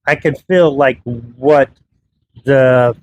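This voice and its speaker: A man's voice: mid-range voice, drawn-out words, dull audio, slight background noise. Man, 50s, solo vlogger; loose, conversational, meandering delivery at home. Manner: rambling, conversational storytelling. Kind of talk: casual personal monologue. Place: his townhouse abroad.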